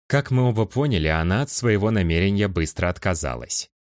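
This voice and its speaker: A man reading a fantasy audiobook in calm, measured first-person narration. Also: low voice, dry recording, clean studio sound.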